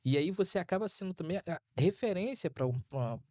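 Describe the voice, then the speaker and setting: Carioca host, mid-pitched voice, affirming. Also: expressive, a little fast, mellow, no room sound, studio quality. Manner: interjecting, affirming listener. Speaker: podcast host. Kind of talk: interview chat.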